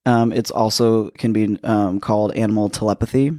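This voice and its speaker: A man co-hosting a podcast, explaining a topic in a chatty, casual way with fillers and quick asides. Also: fairly low pitch, little pitch movement, dark tone, no room sound, clean studio sound. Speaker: podcast co-host. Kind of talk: casual chat.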